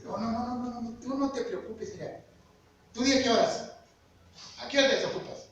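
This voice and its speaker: A man's voice: very high voice, moderate pace, a bit bright, voice pushed up. A man voicing a pushy young male street evangelist, insistent in his invitations. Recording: echoey hall, far-off mic, background noise.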